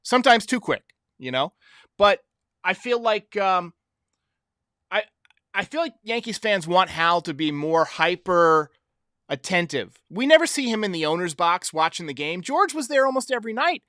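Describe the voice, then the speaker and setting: A man with a slightly high, very clear voice hosts a fan sports show. He gives casual, conversational commentary, thinking out loud. The sound is bright and very dry. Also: very animated, normal speed, no echo.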